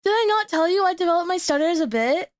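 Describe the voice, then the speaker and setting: With a very high-pitched, lively voice, a young woman talks fast in casual chat on her stream, where she's hosting a guest as a VTuber. She rambles, laughs at herself, and stutters, frequently repeating and restarting. The studio-quality recording has no room sound.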